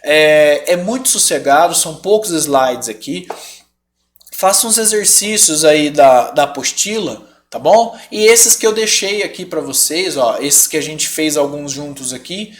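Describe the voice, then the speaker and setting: A man's voice: a little high, animated, measured pace. A man with a Brazilian Portuguese accent teaching a live online lesson, explaining patiently and checking in with the class often.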